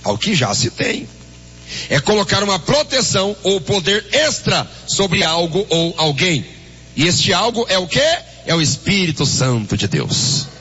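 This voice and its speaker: A man's voice: high-pitched, big pitch swings, measured pace, sharp tone, big-room sound, dull audio, faint music behind. A Brazilian man with a Brazilian Portuguese accent preaching a sermon as pastor, with fervent exclamations and a story told through quoted dialogue.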